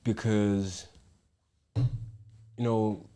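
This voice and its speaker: A man's voice: fairly low pitch, fairly even intonation, drawn-out words, mellow, clear, resonant tone. A man chatting as a podcast guest, laid-back and slangy, laughing easily. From South Africa. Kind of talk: casual chat.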